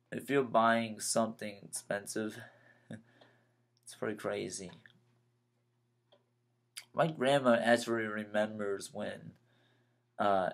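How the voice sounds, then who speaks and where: A nineteen-year-old man vents in a rambling personal vlog, his voice sitting on the low side. He talks slowly, trips over his words and starts phrases again and again, sounding frustrated. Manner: halting, repeats and restarts phrases, frustrated. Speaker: vlogger.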